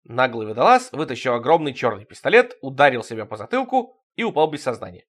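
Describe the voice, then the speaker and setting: A man's voice: mid-range voice, sing-song, fast, a bit bright. A man narrating a surreal comic story in a theatrical, bouncy reading style.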